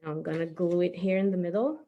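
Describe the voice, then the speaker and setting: Speaking fast in a lowish voice, this woman comes through with phone-quality sound. She walks young children through a craft in a relaxed, supportive way, musing aloud about each step as she works with her hands. The recording carries faint background noise and little clicks.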